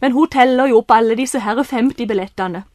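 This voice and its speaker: A woman telling a lively personal story, excited bursts mixed with quieter asides. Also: fairly high pitch, dry recording, studio quality. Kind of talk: animated personal anecdote.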